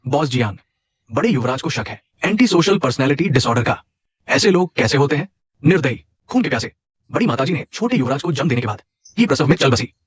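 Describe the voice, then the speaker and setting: A man playing a loyal, respectful assistant in a dubbed short drama, speaking in a formal, explanatory way with a husky voice. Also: medium pitch, very animated, fast talker. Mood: earnest. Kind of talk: Hindi dub of a short drama.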